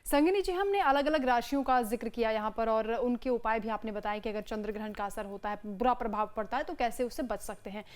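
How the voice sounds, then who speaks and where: A woman's voice: a little high, brisk, few pauses. A woman hosting an interview, asking questions and politely affirming her guest. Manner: affirming, frequent agreeing murmurs, polite formal closing. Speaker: interview host.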